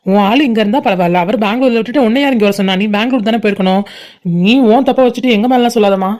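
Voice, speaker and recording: An actor voicing a young man in a cartoon, who talks quickly and teases and coaxes a sulking friend. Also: mid-range voice, darkish tone, lightly acted. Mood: chiding. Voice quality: quick, chiding and coaxing. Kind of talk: animated cartoon voice acting.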